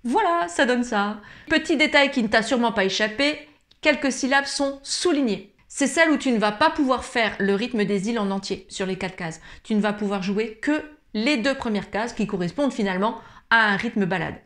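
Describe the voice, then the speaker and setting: A woman calmly explaining ukulele chords and strumming step by step in a tutorial. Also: on the high side, normal speed. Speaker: ukulele teacher.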